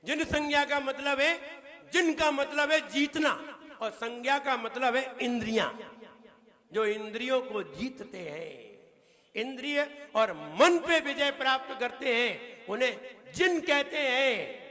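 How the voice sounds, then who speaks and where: A man teaches scripture recitation as a Jain monk, questioning his listeners and chanting slowly. His voice sits very high and sounds bright and forceful. The sound rings with the long reverb of a temple hall. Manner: explains, quizzes the listeners, chants verses slowly.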